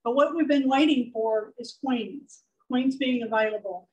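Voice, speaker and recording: A middle-aged woman with a Texan accent co-presenting a beekeeping club talk, conversational and quick to chime in. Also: a little high, highs cut off. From southeast Texas. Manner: conversational, quick agreeing interjections. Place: large meeting hall with projector. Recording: distant room recording.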